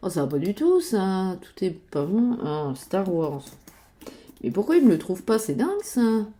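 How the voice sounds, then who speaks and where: A woman's voice: mid-range voice, sing-song, unhurried, dark tone. A woman chatting casually about board games while searching websites, hesitating with many fillers and muttering to herself. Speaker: board game youtuber.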